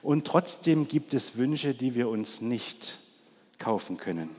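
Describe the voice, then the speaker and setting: A man in his thirties gives a Christmas sermon, speaking slowly and asking the congregation questions. His voice is husky, and it rings through a large church with long reverb. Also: mid-range voice, lively intonation, a little mellow. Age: 30s. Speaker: preacher.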